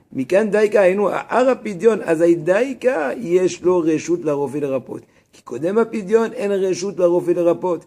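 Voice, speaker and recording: Animated rabbi teaching a text class. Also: male voice, sits high. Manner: animated, rising emphasis on Hebrew terms, asks and answers his own questions; casual asides to students. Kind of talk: religious text lesson.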